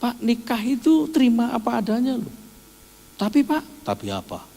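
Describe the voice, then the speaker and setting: A middle-aged male pastor, preaching in a storytelling way, acting out dialogue and rising to loud shouts. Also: very high voice, wildly swooping pitch, a little fast, gravelly. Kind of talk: sermon. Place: church hall. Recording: long hall reverb, faint noise.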